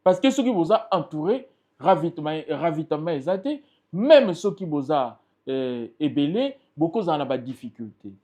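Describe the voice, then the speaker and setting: A man's voice: a little high, sing-song, moderate pace, a little mellow. A man with a Congolese French accent, speaking as a political spokesperson in an interview, emphatic and impassioned. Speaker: political party spokesperson, guest.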